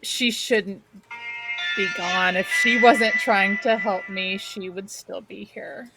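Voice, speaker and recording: A woman playing a kind, apologetic townswoman in a fantasy tabletop game, speaking softly, haltingly and earnestly. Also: medium pitch, loud music behind the voice, close to an everyday voice, low-quality recording. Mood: sorrowful, apologetic. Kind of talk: tabletop role-play acting.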